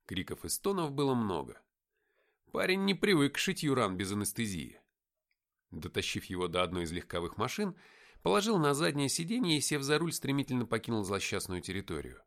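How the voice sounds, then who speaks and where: A man narrating a first-person audiobook in a measured, dramatic storytelling manner. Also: medium pitch, sing-song, a bit bright.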